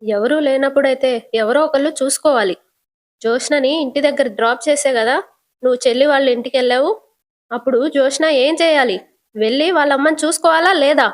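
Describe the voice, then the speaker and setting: A woman voicing a stern shouting father. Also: high-pitched, brisk, close to an everyday voice. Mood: angry scolding. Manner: shouting, lecturing. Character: stern angry middle-aged father.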